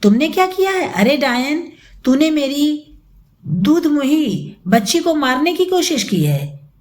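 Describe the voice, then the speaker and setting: A woman voicing a bitter young mother who shouts hateful accusations at her stepmother. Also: sits high, very animated, measured pace. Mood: furious.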